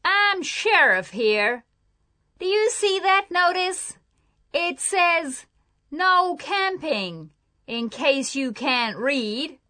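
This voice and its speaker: A woman voicing an angry, sneering male sheriff who shouts at picnickers in a read-aloud lesson story. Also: medium pitch, expressive, slow, few pauses.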